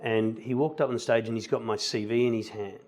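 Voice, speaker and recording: A middle-aged man talks as a guest in a relaxed interview. He tells anecdotes in an easy, conversational way, slipping into little voices for the people he quotes. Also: medium pitch, fast talker. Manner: animated storyteller, acts out quoted lines. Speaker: musical theatre actor, guest. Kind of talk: casual interview chat, telling anecdotes.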